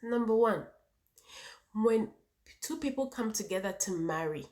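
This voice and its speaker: A woman's voice: medium pitch, animated, a little slow, a little mellow. A woman with a Ghanaian accent speaking emphatically to her viewers as a vlog host, repeating points and posing rhetorical questions. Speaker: vlogger and channel host. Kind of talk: opinionated personal talk to viewers.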